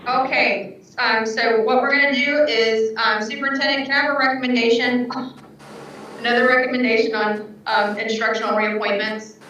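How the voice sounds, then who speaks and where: A woman chairing a public board meeting over a video call, running motions in a brisk, procedural way. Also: fairly high pitch, fairly even intonation, sharp tone, slight background noise. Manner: brisk, procedural, slightly unsure. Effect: remote video call audio. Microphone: computer mic on a video call. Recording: dull, echoey, distant call audio.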